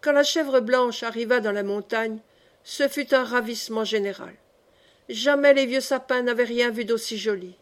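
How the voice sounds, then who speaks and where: Expressive woman reading an audiobook. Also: fairly high pitch. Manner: expressive, measured storytelling. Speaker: audiobook reader. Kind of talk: audiobook narration of a classic story.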